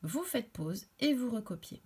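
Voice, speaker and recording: A woman teaching a recorded lesson to young children, explaining clearly and patiently step by step. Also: on the high side, very animated, unhurried, warm tone, slight background noise. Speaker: primary school teacher.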